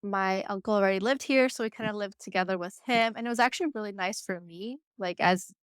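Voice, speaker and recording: A woman's voice: medium pitch, quick pace, smooth, no room sound, studio quality. A woman in her thirties, born in Croatia and raised in Michigan, chatting casually as a podcast guest with lots of filler words. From born in Croatia, raised in Michigan, United States. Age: 30s. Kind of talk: casual interview chat.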